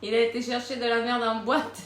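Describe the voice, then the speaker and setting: A woman's voice: a little high, little pitch movement, a little fast, a bit bright, reverberant, a little hiss or hum. A woman giving a casual spiritual card reading, chatting freely, laughing often and using many fillers. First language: Spanish. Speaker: tarot card reader.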